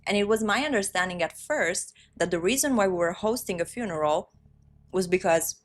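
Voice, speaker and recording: A woman's voice: medium pitch, expressive, fairly quick. A woman co-hosting a live stream, chatting casually with slang. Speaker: stream co-host.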